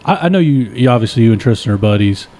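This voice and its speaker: Mellow, jokey man. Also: mid-range voice, expressive, fast. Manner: jokey, slangy. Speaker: podcast co-host. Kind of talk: casual podcast chat and storytelling.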